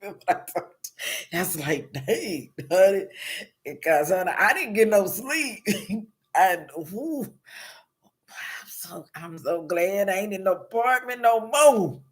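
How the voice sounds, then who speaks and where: A man with a slightly high voice spins personal stories straight to his viewers. He talks loose and slangy, breaking into laughter often. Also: lively intonation, measured pace. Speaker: vlogger. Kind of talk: casual storytelling monologue to viewers.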